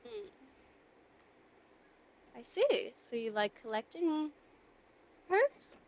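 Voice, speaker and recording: A woman's voice: on the high side, lively intonation, moderate pace. A woman role-playing a shopkeeper in a game, speaking in a dry, matter-of-fact way and now and then dropping out of character to swear. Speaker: role-play player as a shopkeeper.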